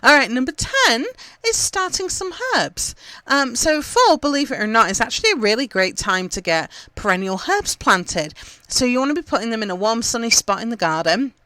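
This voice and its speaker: A woman's voice: on the high side, sing-song, normal speed, bright, forceful tone, dry recording. A woman from England hosting a gardening podcast, chatting casually with lots of fillers as she gives upbeat tips. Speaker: podcast host.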